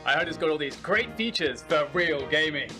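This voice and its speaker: A man's voice: on the high side, lively intonation, moderate pace, natural voice. A man voicing an amazed, gushing sidekick in a parody ad. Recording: ad with loud music.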